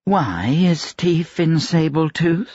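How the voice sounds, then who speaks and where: A man voicing a cold, scheming male noble who speaks without emotion, calm and quietly menacing. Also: a little high, slow pace, dry recording, dull audio, pitched above the performer's own voice, heavily acted.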